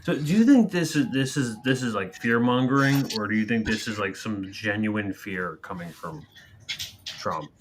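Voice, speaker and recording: A man co-hosting a podcast chats in a wry, animated voice that swings widely in pitch. Clear background noise sits under the talk. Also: normal speed. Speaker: podcast co-host. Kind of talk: casual political talk.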